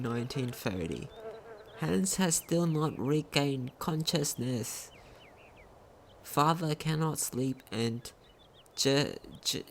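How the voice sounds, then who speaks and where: A gaming video commentator with a creaky, mid-pitched voice speaks casually and unhurriedly, as if reading on-screen text aloud, stumbling now and then. It's a home recording with faint noise.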